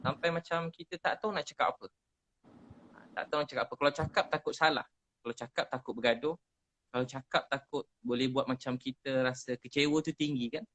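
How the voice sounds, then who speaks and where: Man, Malaysian accent, preacher, bright voice, earnest, slow soft repeated prayers. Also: medium pitch, steady tone, no room sound, low-quality recording. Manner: earnest, repeats prayer lines slowly and softly. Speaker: religious preacher. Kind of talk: heartfelt religious advice in conversation.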